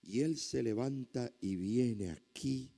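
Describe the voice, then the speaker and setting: A male pastor preaching a sermon through a lively story, with exclamations and sound effects. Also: medium pitch, slow, vocal fry.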